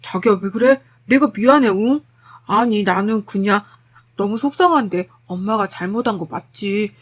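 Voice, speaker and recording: A woman voicing a meek young husband who coaxes and apologizes in her own fairly high voice. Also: moderate pace, lightly acted. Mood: begging. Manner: coaxing, apologetic. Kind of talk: storytelling with acted dialogue.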